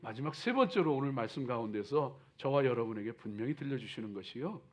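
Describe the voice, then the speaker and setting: A man preaching a sermon as a pastor, with emphatic exhortation that moves between hushed asides and loud declarations, repeating key phrases and putting rhetorical questions to his listeners. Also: medium pitch. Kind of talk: sermon to a congregation.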